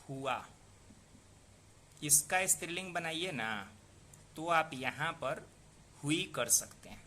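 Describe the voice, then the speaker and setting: Speaking slowly with long pauses, a male Hindi language teacher explains pronunciation and spelling in a pushed, bright voice on the high side. He repeats words aloud, asks rhetorical questions, and a little hiss or hum is present.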